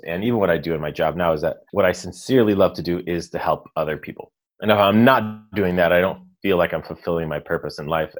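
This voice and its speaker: In a relaxed interview, a leadership coach from the United States in his thirties recounts his life in a deep, slightly bright voice. He comes across as chatty and self-deprecating, laughing as he tells his story.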